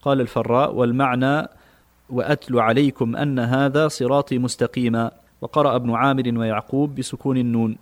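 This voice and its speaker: A man reading classical religious texts aloud in a study session, with steady, measured recitation. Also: mid-range voice.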